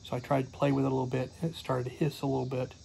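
Talking rapid-fire in a warm, gravelly, monotone mid-range voice, a middle-aged man gives his daily homestead vlog recap. He rambles and uses lots of fillers while filming on a phone close to his face in a cramped, cluttered room, with slight background noise.

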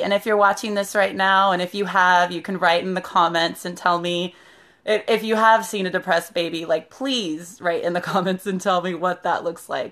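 A therapist in her thirties chats casually with viewers on a live stream, greeting them by name mid-sentence. Her voice is raspy and hoarse from shouting, medium in pitch and fairly bright. She's indoors in a living room with a sofa, filming on a phone camera held at arm's length.

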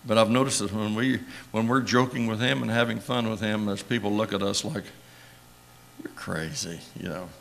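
An older church elder preaches in a homespun, storytelling way. His voice sits low and has a gravelly edge. He wanders between anecdotes, gets emotional, and laughs softly as he goes. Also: fairly even intonation, a little fast, few pauses, a little hiss or hum. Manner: rambling, emotional, chuckles often. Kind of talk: folksy sermon storytelling. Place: church sanctuary.

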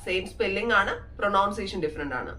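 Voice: mid-range voice, quick pace, pushed and bright, distant mic. A language teacher giving a pronunciation lesson, saying each word twice and slipping in English phrases.

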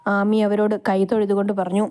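A woman's voice: medium pitch, monotone, fairly quick, a little mellow. A woman with a Malayali accent narrating a romance story aloud, reading it dramatically and giving each character a voice.

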